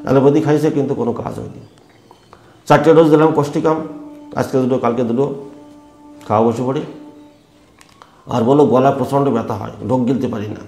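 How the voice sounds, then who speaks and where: A man's voice: medium pitch, fast, long pauses, a little mellow, soft background music. A man, a homeopathic doctor giving an instructional health talk, emphatic and repeating his key points. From West Bengal, India. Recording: echoey room.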